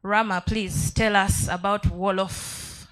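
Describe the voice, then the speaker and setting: A woman with a Ugandan accent hosts a live event in a bright, forceful voice at a medium pitch. She addresses the audience informally and playfully coaxes people to speak. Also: fairly even intonation, takes it slowly, soft background music. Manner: playful, coaxing. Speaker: event host.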